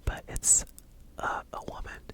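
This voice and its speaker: An ASMR host speaking in a soft whisper, halting and unhurried, as if sharing things casually with viewers.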